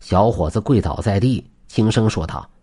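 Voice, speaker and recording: A man narrating a folk tale in an animated storytelling manner. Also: fairly low pitch, normal speed, husky.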